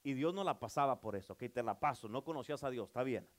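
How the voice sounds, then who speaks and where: A male pastor preaching a sermon, emphatic, calling for amens and swinging between loud and soft. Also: mid-range voice, animated, fast talker.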